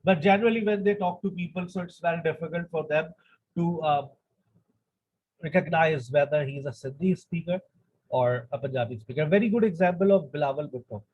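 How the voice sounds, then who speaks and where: A man teaches an online English lesson, mixing English and Urdu as he explains. His voice sits somewhat high and a little husky, with an unhurried delivery. The recording is dull and lo-fi. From Pakistan.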